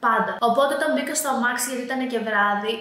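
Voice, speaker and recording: Young female vlogger from Greece, bright and high, chatty storyteller, very echoey room. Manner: chatty, laughing, swears casually. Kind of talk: casual storytelling to camera. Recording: very echoey room with faint noise.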